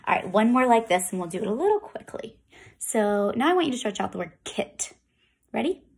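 A woman teaching a phonics lesson to kindergarten children, with slow, sing-song teacher talk and drawn-out sounds. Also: a little high, sing-song, a little mellow, slightly rough.

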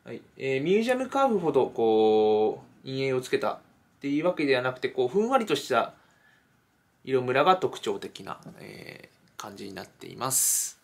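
A man with a medium-pitched voice walks through a product for viewers. He is polite and explanatory, building his points in short, hesitant pieces without a script. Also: big pitch swings, normal speed, creaky. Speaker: shoe shop presenter. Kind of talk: product review, unscripted explanation. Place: indoors in a small shoe shop.

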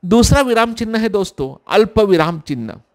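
A male college lecturer giving a recorded lesson, who explains slowly and repeats key sentences. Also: high voice, animated. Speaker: Hindi lecturer.

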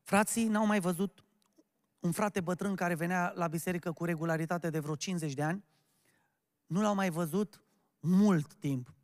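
Man, pastor, sermon, emphatic, calls out to the congregation, long church reverb. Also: high-pitched. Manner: emphatic, asks the congregation questions. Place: church hall.

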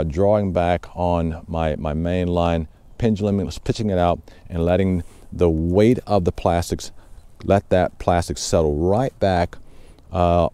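A deep-voiced fishing channel host from Southwest Ohio talks through technique from a boat on a lake. He keeps it relaxed and casual, with plenty of fillers.

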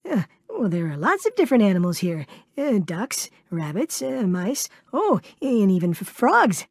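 A man's voice: high voice, wildly swooping pitch, normal speed, gravelly, no echo, studio quality, heavily acted. A man voicing a small, anxious, kindly piglet for a cartoon video game, stammering politely and hesitantly as he goes. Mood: nervous.

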